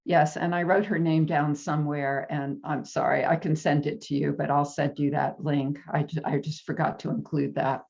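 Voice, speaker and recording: Low-voiced woman on a muffled call. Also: level tone, normal speed, creaky, few pauses, a little mellow. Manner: thoughtful, trails off with fillers. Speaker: panel presenter. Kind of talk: academic panel discussion.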